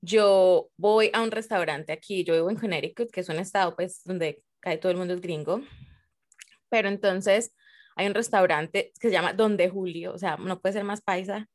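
A woman in casual conversation, telling an anecdote in an expressive way. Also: lowish voice, moderate pace.

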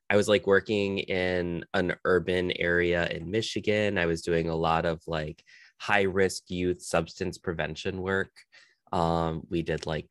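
A young man speaks in a deep, low register as a guest in a casual interview. His talk is loose and rambling, full of ums and likes. The recording is dry and close, with no room sound. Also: fairly bright tone, dry recording. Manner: chatty, frequent fillers like um and like. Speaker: podcast guest, nonprofit founder.

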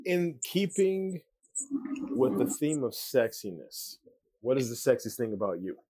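A man's voice: mid-range voice, very animated, measured pace, mellow. Easygoing plain-spoken man host. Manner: easygoing, tells personal stories, plain-spoken. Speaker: podcast host. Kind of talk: casual interview chat.

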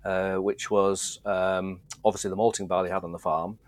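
This Yorkshire distillery co-founder chats as an interview guest, his low voice level and paced normally, recorded with no echo. His manner is relaxed and meandering, and he frequently starts his sentences over.

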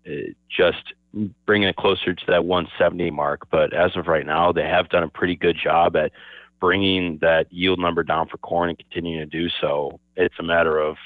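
A man with a very low voice comes through a tinny phone line, dry and close with no room around it. He talks as a market analyst in a steady, explanatory way. His answers often open with a casual "yeah, so". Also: no room sound. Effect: over the phone. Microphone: telephone.

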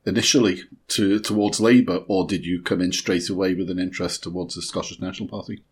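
A man hosting a podcast interview, putting courteous, measured questions to his guest. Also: sits low, steady tone, breathy edge.

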